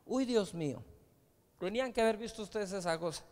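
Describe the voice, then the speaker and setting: High-voiced preacher in a reverberant hall. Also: male voice, a little fast, darkish tone. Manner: storytelling preacher, conversational with rhetorical asides. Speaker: pastor. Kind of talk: sermon. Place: large church hall. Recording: live church hall reverb.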